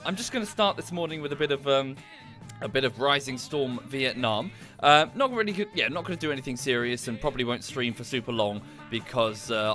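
Streaming live from his home, a man with a bright, forceful mid-range voice rambles through a casual chat. He thanks viewers along the way, and a cold he's coming down with leaves him slightly nasal and stuffy.

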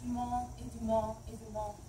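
A woman reciting verse on stage in a measured, declamatory way. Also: fairly high pitch, level tone, noisy background. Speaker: performer reciting translations. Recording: echoey stage from far off.

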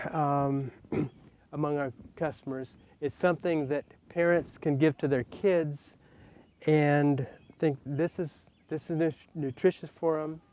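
An older man, a farmer, giving a casual tour outdoors, speaking haltingly and often clearing his throat. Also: fairly high pitch, a little mellow. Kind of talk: casual explanation on a farm tour. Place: outdoors in a garden and greenhouse.

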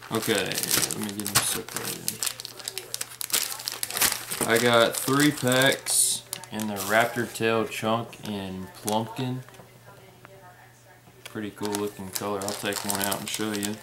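A young man casually unboxing fishing tackle at a table indoors, unhurried, naming each item as he opens it. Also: lowish voice, expressive, very noisy. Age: young adult. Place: indoor room at a table with plants. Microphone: camera in front at table distance.

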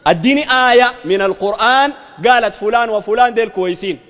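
A male preacher with a Sudanese Arabic accent, debating combatively, firing rhetorical questions and shouting at times. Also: extremely high pitch, fast talker. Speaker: Islamic preacher. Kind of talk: heated public debate. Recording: long hall reverb.

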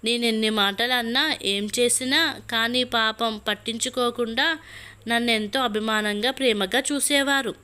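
A woman storyteller voicing a gentle young wife who speaks in a soft, pleading, sorrowful way, in a storybook reading. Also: fairly high pitch, measured pace, clear, resonant tone. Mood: remorseful.

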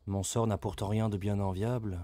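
A man voicing a calm, thoughtful young queen in a soft, measured tone. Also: on the low side, dry recording, clean studio sound, pitched below the performer's own voice, lightly acted. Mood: wistful.

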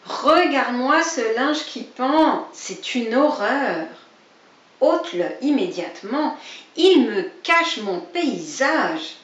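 A woman putting on a fussy, quarrelsome male rabbit, scolding in a loud, raised voice that swings widely in pitch. He drags out his complaints slowly. The storybook recording is dull and roomy and picked up from a distance. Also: animated, exaggerated voice. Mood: indignant.

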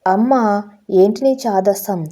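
A consoling young son, read by a woman storyteller, short-tempered at first yet gentle with his mother. The voice is very dark and mellow. He speaks plainly and reassuringly. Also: mid-range voice, slow. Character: young adult son, impatient but consoling.

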